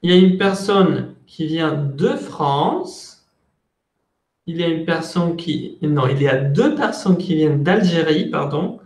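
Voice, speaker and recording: Teaching an online language lesson from an office with window blinds, a slow, high-voiced man explains French deliberately, moving between French and Spanish. He sounds animated and a little mellow, and his earphone headset mic on the video call gives a roomy sound.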